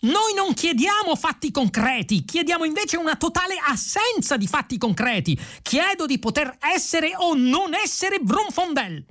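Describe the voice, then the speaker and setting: An audiobook reader voicing a hotheaded young male philosopher with a shrill, shrieking voice who makes insistent, contradictory demands. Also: very animated, normal speed, hardly any pauses, fairly bright tone. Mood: shrill demanding. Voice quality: shrieking, screechy.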